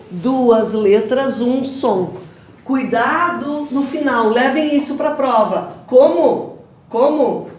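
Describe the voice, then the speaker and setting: In an echoey classroom recorded with a distant mic, a Brazilian woman with a Brazilian Portuguese accent runs a call-and-response grammar lecture for exam prep, rapidly questioning and drilling her students. Her voice is high-pitched with a darkish tone.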